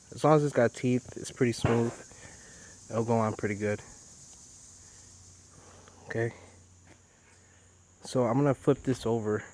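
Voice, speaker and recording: A man with an ordinary mid-range voice talks through his workshop project in a loose, unscripted way. He explains each step plainly, pausing with "uh" and "um" as he works. Crickets chirp faintly in the background. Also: mid-range voice, slight background noise. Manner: relaxed, chatty, step-by-step explaining with fillers. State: a little out of breath. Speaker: DIY boat builder. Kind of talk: casual how-to narration.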